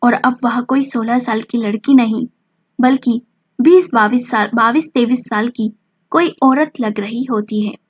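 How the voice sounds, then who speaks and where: A woman storyteller reading a romantic drama story aloud in a steady, dramatic way. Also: fairly high pitch, unhurried, breathy edge, no room sound, lo-fi sound. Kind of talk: scripted story narration.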